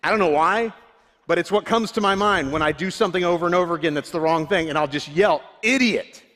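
A man's voice: a little high, fast, fairly bright tone. A male pastor giving a sermon, candid and self-deprecating, often restarting his sentences. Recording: long hall reverb.

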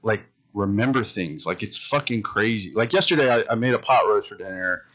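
Lively storytelling man in his fifties. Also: on the low side, fairly quick, muffled recording. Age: 50s. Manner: rambling anecdotes with casual swearing. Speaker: podcast guest. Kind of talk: casual storytelling.

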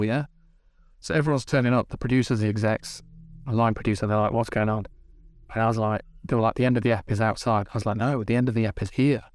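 A man, a TV director, telling animated casual stories on a podcast, swearing and acting out what people said. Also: mid-range voice, dry recording, clean studio sound. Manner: animated, swearing, acts out dialogue. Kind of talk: casual storytelling. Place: podcast studio.

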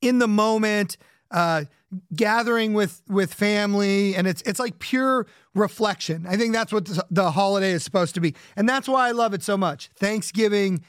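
A man's voice: high voice, moderate pace, fairly bright tone, smooth, no echo, clean studio sound. A man hosting a podcast, rambling casually with lots of fillers, joking about himself and laughing often. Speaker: podcast host.

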